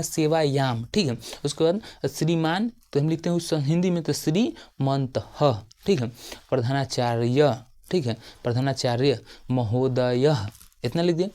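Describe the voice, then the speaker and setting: A man with a Bihari accent, teaching in a tired state late at night, speaking slowly and softly as he dictates a letter format and keeps checking in with "okay". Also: fairly high pitch.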